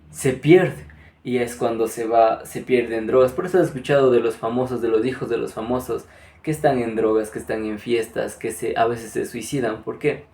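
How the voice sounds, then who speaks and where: A man gives a motivational spiritual talk, speaking earnestly and directly to the listener. His voice sits at an average pitch for a man. The recording has a noticeable room echo. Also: a little mellow. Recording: echoey room.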